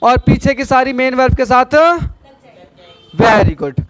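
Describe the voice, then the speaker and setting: A man teaches a class. His voice is very high and clear. He talks slowly, quizzes the students and draws each example sentence out word by word. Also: expressive, no room sound. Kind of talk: classroom grammar lesson.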